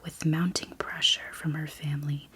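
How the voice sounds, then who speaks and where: A woman in a whispered role-play as a library clerk, speaking in a soft, breathy library whisper with gentle customer-service manner. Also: low-pitched, little pitch movement, normal speed. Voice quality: breathy, mostly unvoiced whisper. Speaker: ASMR performer playing a library clerk.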